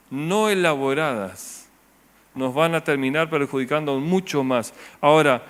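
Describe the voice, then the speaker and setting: A man with a Rioplatense Spanish accent preaching a sermon as pastor, asking the congregation rhetorical questions and dropping his voice low and soft on key words. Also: smooth.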